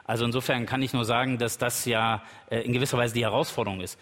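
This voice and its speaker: A man's voice: medium pitch, steady tone, fast, a bit bright. A man politician arguing assertively in a televised panel debate, with some hesitation sounds. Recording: hall with long reverb.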